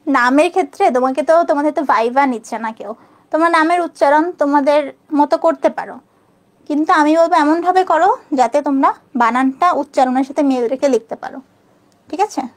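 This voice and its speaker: A young woman teaches an online exam-prep biology class in a high, light voice. She breaks scientific names into syllables, spells them letter by letter and repeats them patiently. She keeps asking her students if they are following. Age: young adult. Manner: spells out names slowly and repeats them, often checking with "okay?".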